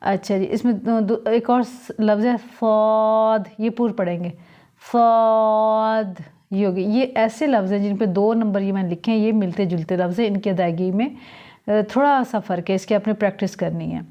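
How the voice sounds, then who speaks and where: A woman's voice: medium pitch, moderate pace, dull audio. A woman teaching Quran letter pronunciation, sounding out each letter carefully and explaining patiently. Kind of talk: slow letter-by-letter recitation lesson.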